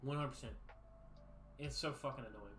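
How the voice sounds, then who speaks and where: A man's voice: medium pitch, a little fast, fairly bright tone, slight background noise. A man hosting a casual livestream, chatting in a rambling, laid-back way and swearing freely. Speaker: livestream host. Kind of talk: casual chat while drinking. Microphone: desk USB microphone. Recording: echoey room with music behind.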